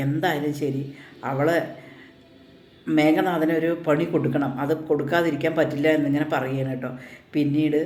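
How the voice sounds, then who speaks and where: A man's voice: on the high side, a little mellow. A man casually retelling an upcoming soap opera episode, quoting the characters' lines as he goes. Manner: retells scenes with quoted dialogue, frequent tag "കേട്ടോ". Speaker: serial episode recap narrator. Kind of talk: casual spoken plot preview. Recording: echoey room.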